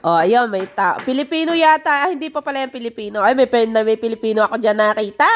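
A woman's voice: fairly high pitch, fast. A middle-aged woman from the Philippines, chatting through a casual vlog voice-over of a family picnic, full of exclamations. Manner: chatty, exclamatory, lots of "ay" and "o, tingnan nyo". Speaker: vlogger narrating family picnic video.

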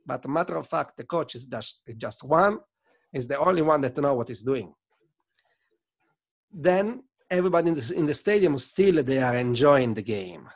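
A lively Italian man in his thirties, working as a sound system selector, shares stories as a guest in a casual video call interview, gesturing freely and speaking with non-native phrasing. His Italian accent comes through at medium pitch and a moderate pace. He sits in a home studio with record shelves, using a desk mic.

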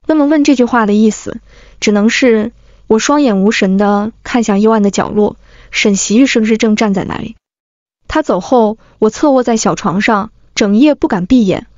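A woman reading a first-person story aloud as an audiobook narrator, in a soft, steady manner. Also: a little high, dry recording. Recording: dry, dull lo-fi.

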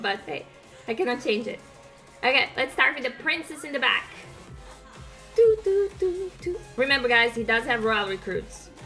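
A young Croatian woman streams her mobile gameplay from a desk at home, chatting upbeat commentary in a Croatian accent and humming as she plays. Her voice is a little high with a sharp tone.

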